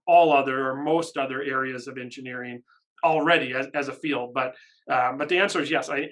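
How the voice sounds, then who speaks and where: A man in his thirties talks informally about research as a professor taking questions. His pitch sits in the middle range. He sounds keen and caffeinated, pushing out phrases in emphatic bursts. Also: a bit bright. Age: 30s. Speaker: university professor and research lab head. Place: small office, indoors.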